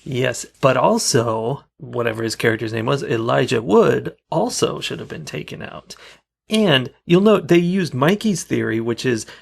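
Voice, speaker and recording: Gravelly laid-back man. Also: medium pitch, lively intonation, moderate pace. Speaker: podcast co-host. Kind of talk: casual movie review chat.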